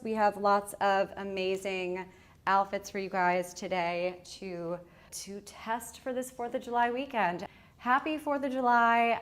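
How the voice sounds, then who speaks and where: A woman hosting a live fashion shopping stream, chatting upbeat with many fillers. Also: medium pitch. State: out of breath. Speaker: fashion livestream host. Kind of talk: casual live shopping chat. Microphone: moving away from the mic while changing outfits.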